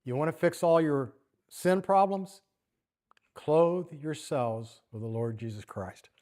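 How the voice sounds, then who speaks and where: A man's voice: a little high, takes it slowly, a little mellow. A man teaching in a church, telling a story conversationally, asking the room questions and reading passages aloud. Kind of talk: sermon.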